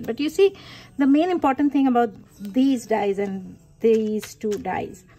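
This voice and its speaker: A woman with a slightly high, husky voice chats her way through a crafting tutorial. She sounds enthusiastic and thinks aloud with plenty of fillers. Her tone is mellow, and soft music plays behind her. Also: poor audio. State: hiccuping. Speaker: card-making crafter. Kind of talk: casual craft tutorial talk.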